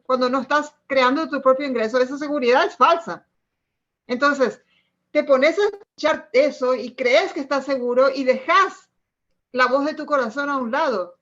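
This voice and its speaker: A woman on a podcast, talking emphatically and repeating herself for effect. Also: high-pitched. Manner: emphatic, repetitive, animated. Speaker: podcast co-host. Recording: dull lo-fi audio.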